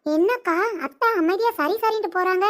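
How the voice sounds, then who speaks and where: A woman's voice: very high-pitched, brisk. A woman voicing a meek naive young wife. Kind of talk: cartoon comedy voice acting.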